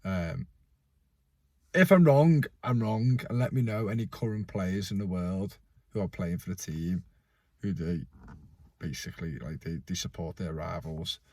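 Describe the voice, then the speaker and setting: A young man hosting a casual fan vlog, his voice going hoarse, rambling with many fillers and restarts. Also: low-pitched, steady tone, normal speed, mellow. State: losing his voice. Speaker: fan channel host.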